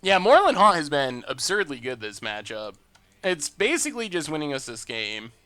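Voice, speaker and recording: A man streams a card game, narrating his plays and reading and answering viewer messages in an upbeat, conversational way. His fairly high, sing-song voice sounds pushed and bright at a moderate pace, with no room sound.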